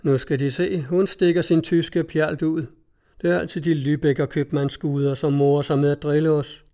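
A man reading a gruff hot-tempered skipper. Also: on the high side, flat delivery, mellow, lightly acted. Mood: gruff, scornful. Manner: barks orders, gruff and blunt. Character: hot-tempered middle-aged male cutter skipper.

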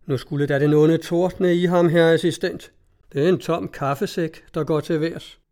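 A man voicing a rough-spoken sailor in a mocking tone, pitched a bit above his reading voice. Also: fairly even intonation, darkish tone, lightly acted.

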